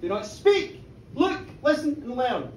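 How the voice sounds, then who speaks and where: A man voicing a stern, commanding fairy king in a live folk tale, giving slow, measured orders, recorded from a distance in an echoey pub room. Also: very high voice, big pitch swings, a little mellow, slight background noise, exaggerated voice. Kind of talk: live storytelling.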